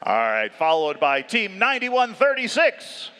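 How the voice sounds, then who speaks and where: A man working as an event emcee, announcing a live competition in a showy, hyped style like a fighting game announcer, with drawn-out calls. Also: sits high, wildly swooping pitch, bright, forceful tone. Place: large indoor competition venue. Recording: echoing large arena PA.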